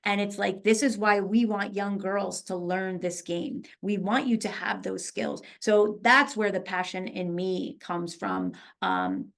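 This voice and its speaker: A woman talking as a poker pro guest in a casual podcast interview, telling lively stories and acting out what people said. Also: mid-range voice, unhurried, creaky, hardly any pauses. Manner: animated storyteller, acts out quoted dialogue.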